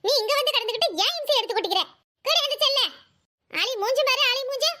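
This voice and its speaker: Shrill scolding cartoon aunt, very high, fast, sharp, wailing dramatically. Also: female voice, lively intonation, exaggerated voice. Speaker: cartoon character. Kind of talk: Tamil village cartoon voice acting.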